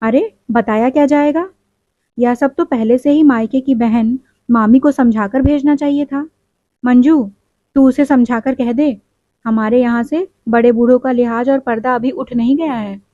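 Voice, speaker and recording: Domineering old matriarch, high voice, dull lo-fi sound; woman narrator voices her. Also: measured pace, dark tone, dry recording, lightly acted. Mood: scolding. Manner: scolding, commanding. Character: stern traditional older mother-in-law. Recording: dull lo-fi recording.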